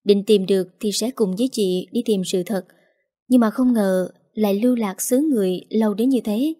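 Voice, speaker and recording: A tender young brother, gentle and soft-spoken, as a woman narrator puts him on. His words come out choked and soothing, in a mellow, warm tone. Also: medium pitch, normal speed, lightly acted. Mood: earnest.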